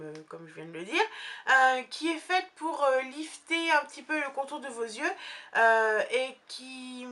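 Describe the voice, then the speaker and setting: Young woman beauty vlogger, fairly high bright voice, chatty and rambling, full of fillers. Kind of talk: casual makeup haul review.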